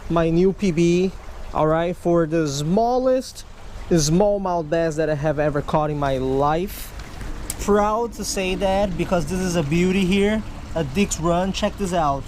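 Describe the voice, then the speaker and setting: Beside a wooded creek, a man in his thirties talks to his viewers while fishing, exclaiming whenever he hooks one. His voice sits high with a darkish tone, and the handheld or chest-mounted camera mic carries a little hiss or hum.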